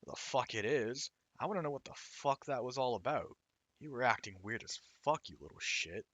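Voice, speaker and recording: A man voicing a foul-mouthed, hot-tempered young brawler in a snarling, forceful, raised voice while reading game dialogue. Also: a little high, big pitch swings, normal speed, vocal fry, no echo, pitched above the performer's own voice. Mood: angry.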